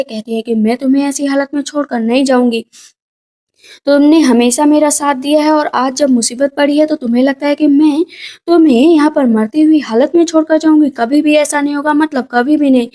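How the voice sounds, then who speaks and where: A woman with a high, mellow voice recaps a drama, retelling the story conversationally. She repeats lines for emphasis, and her delivery feels casual rather than performed.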